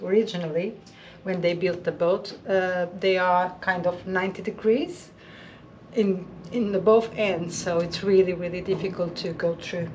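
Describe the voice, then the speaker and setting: A woman's voice: lowish voice, fairly even intonation, moderate pace, a little mellow, slight background noise. A woman in her fifties gives a casual, earnest update on her wiring work, recorded close inside a boat cabin. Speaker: boat-building vlogger. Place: indoors in a barge cabin.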